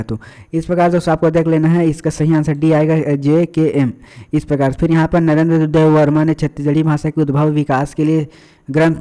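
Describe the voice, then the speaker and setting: A man's voice: a little high, dark tone. A man explaining exam answers as a tutor. He addresses viewers as friends and uses many fillers and repetitions.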